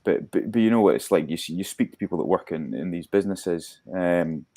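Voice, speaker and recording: A man with a very deep voice speaking as a guest performance coach. He answers eagerly, often repeating a word or two as he builds his point. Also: lively intonation, brisk, warm tone. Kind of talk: interview answers.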